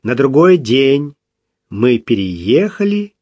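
Male audiobook narrator, husky voice, slow pace, lively intonation. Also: medium pitch, dry recording, highs cut off. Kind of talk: first-person story reading.

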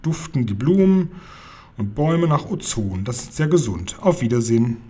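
Ein Mann, der beim Vorlesen eines Kinderbuchs eine freundliche, geduldig erklärende alte Dame spricht, mit heiserer Stimme. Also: male voice, mid-range voice, very animated, moderate pace, mellow, husky. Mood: friendly explaining. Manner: friendly, patiently explaining, occasionally stern. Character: kind, calm old lady in a car. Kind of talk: reading a children's book aloud.

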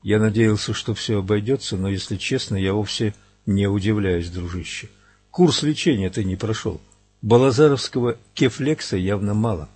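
A man reading as a blunt, earnest young man who presses his points hard. His voice is husky and fairly low, and it sounds dry and close to the mic. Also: normal speed, a little mellow, no echo. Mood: wry. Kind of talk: audiobook character voice.

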